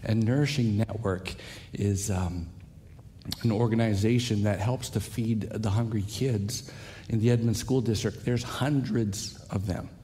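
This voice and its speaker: A man's voice: lowish voice, steady tone, a little slow, dark tone, slight background noise. A man preaching a sermon in a church while losing his voice, telling stories in a chatty, self-deprecating way. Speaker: pastor. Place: church sanctuary.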